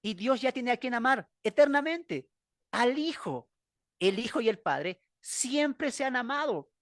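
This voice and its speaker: A man's voice: very high voice, lively intonation, unhurried, no echo, clean studio sound. Emphatic Bolivian man teaching Bible class. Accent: Bolivian Spanish. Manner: emphatic, asks rhetorical questions.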